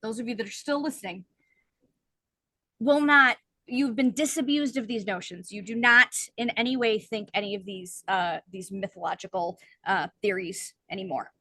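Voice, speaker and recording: A woman co-hosting a book podcast in casual chat, explaining points at length with lively emphasis. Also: mid-range voice, moderate pace, no echo. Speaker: podcast co-host.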